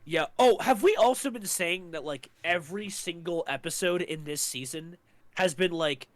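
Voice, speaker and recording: A man's voice: fairly high pitch, normal speed, no echo. Young man swearing through a loose recap. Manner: loose and rambling, swears a lot, many fillers. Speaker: podcast co-host. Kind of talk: casual recap chat.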